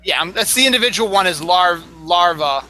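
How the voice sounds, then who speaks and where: A man's voice: sits high, fast, bright, forceful tone, low-quality recording. A man co-hosting a casual chat, joking and repeating words as he tries them out. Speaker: co-host.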